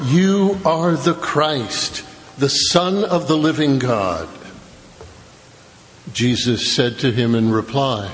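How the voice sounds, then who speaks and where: A man reads scripture aloud at mass, taking each phrase slowly and deliberately. His voice sits in a mid register and rings out with a long cathedral echo through a large church. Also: mid-range voice, a bit bright. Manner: slow, measured proclamation. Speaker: gospel reader at mass. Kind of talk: liturgical scripture reading.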